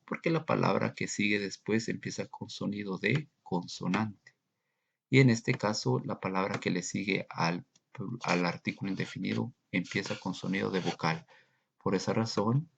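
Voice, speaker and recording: A man teaching English grammar in a recorded lesson, slowly and patiently explaining and repeating examples. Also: lowish voice, gravelly, husky, muffled recording.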